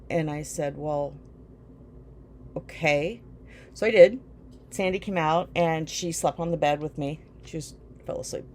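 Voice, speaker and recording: A woman's voice: low voice, a little mellow, a little hiss or hum. A woman, casually telling a personal life story in a rambling, reflective way. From Newton, Iowa, USA. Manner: rambling, reflective, often drifting back with "anyway". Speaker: storyteller recounting her life.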